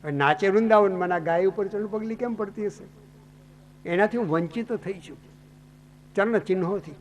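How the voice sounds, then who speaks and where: A man's voice: high-pitched, normal speed, close to an everyday voice. A man voicing a grieving mother cow. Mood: sorrowful. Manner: sorrowful, motherly.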